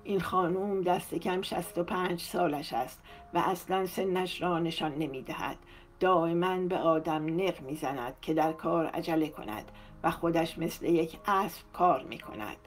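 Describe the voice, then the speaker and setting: A woman's voice: lowish voice, soft background music, natural voice. A woman narrator voicing a talkative female maid in an audiobook, telling her master gossip in an amazed tone. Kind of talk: audiobook character reading.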